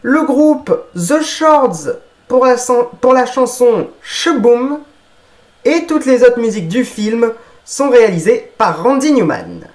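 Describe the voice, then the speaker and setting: A man's voice: very high voice, big pitch swings, slow pace. A man presenting a film review from a script, reading carefully and correcting himself now and then. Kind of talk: scripted narration.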